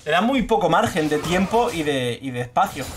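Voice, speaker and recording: A young man with a Spain Spanish accent giving live gameplay commentary, swearing freely and bursting into shouts at the big plays. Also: fairly high pitch, very animated, normal speed, slight background noise. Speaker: streamer. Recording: game music clearly behind the voice.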